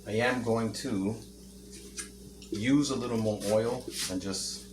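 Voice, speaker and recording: A man's voice: fairly low pitch, steady tone, slow pace, background noise. A man hosting a casual home cooking video, chatting and joking as he works and eats. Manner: chatty, joking, talks while eating. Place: home kitchen. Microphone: camera mic, no camera operator.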